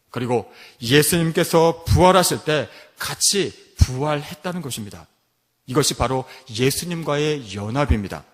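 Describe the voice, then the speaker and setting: A man's voice: on the high side, fairly bright tone. A man preaching a sermon as pastor, asking rhetorical questions and rising to emphatic peaks. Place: church sanctuary. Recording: long hall reverb.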